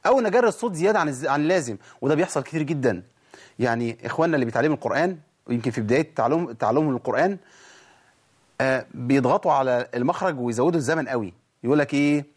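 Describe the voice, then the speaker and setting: A man with an Egyptian Arabic accent teaching Quran recitation rules, animated and demonstrating sounds again and again. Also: mid-range voice, racing, breathy edge. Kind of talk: tajweed lesson.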